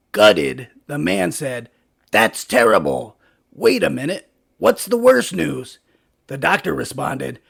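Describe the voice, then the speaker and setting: Playing a scruffy male cartoon bat who hosts late-night comedy, a man fires off silly jokes one after another, landing each punchline and quickly jumping between character voices. His gravelly, husky voice sits a little high with a fairly bright tone, and the performance is heavily acted.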